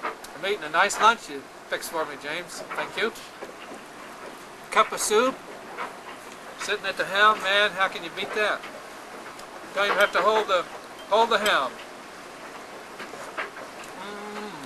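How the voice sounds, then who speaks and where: Older man, easygoing amateur home-video narrator, loud wind buffeting the camcorder mic. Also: sits high. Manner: relaxed, chatty, halting with fillers. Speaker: boat owner filming a home video. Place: outdoors on a sailboat on a lake. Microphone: camcorder microphone. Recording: camcorder audio with heavy wind noise. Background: loud wind on the microphone.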